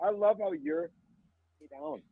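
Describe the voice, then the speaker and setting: A male caller on a bad, breaking-up phone connection, talking in an excitable, rambling way. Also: very high voice, slow pace, gravelly, no echo. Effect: bad connection, breaking up phone line. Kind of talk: casual call-in chat. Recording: tinny, breaking-up phone line.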